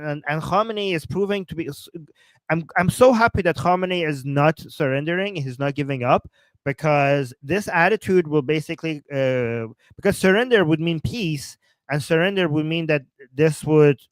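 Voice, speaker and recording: Hosting a laid-back political livestream, this Persian-accented man speaks in a fairly high voice, rambling excitedly and constantly restarting or filling pauses. There's no room sound.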